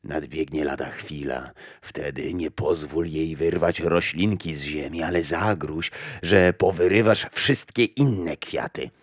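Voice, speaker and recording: A man playing a quiet wise old woman. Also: rumbling low, unhurried, no echo, studio quality, pitched below the performer's own voice. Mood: calm, advising.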